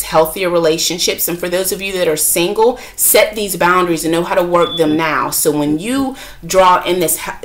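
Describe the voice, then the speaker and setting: A woman talking frankly to camera as a vlogger and mother, chatty and expressive, sometimes acting out what others said. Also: fairly low pitch. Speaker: self-help vlogger and mother. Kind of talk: candid talk to camera.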